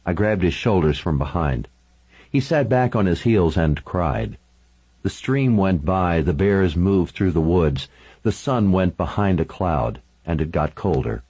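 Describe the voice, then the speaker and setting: A man's voice: deep voice, lively intonation, measured pace, mellow, husky, poor audio. A man reading a first-person story aloud as an intense, dramatic narration.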